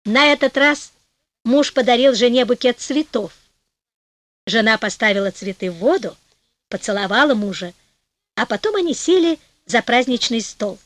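Female storybook narrator, expressive and sing-song, dry studio sound. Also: on the high side, moderate pace, no room sound. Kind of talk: storybook reading.

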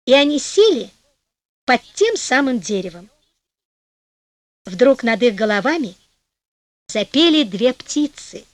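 A woman narrating a storybook in an expressive, sing-song manner. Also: on the high side, slow pace, pauses often, dry recording. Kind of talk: storybook reading.

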